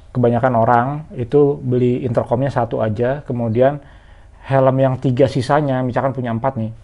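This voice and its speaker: Heard through a muffled recording, a man of medium pitch reviews motorcycle gear casually. His delivery is chatty and explanatory as he guides viewers through the product.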